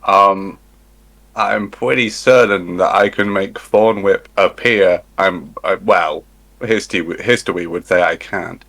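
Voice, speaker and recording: A man with a fairly low voice plays a tabletop game in casual chat. He talks through his plans in a rambling, hesitant way. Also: fairly even intonation, takes it slowly, fairly bright tone, poor audio. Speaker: player.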